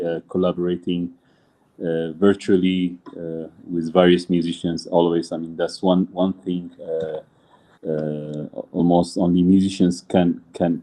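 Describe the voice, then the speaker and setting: A middle-aged man from Ethiopia, a musician and teacher chatting over a video call, halting and full of filler sounds. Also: deep voice, dark tone. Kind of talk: casual interview chat.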